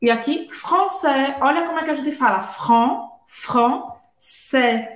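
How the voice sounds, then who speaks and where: A woman teaching a language lesson, explaining patiently and spelling out sounds slowly. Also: high-pitched, expressive, roomy sound. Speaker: French teacher.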